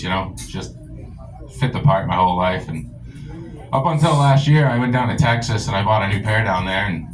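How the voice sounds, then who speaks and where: A young man from the rural US doing a stand-up set in a comedy club, telling crude stories with a deadpan delivery. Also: on the low side, a little hiss or hum, low-quality recording. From rural United States.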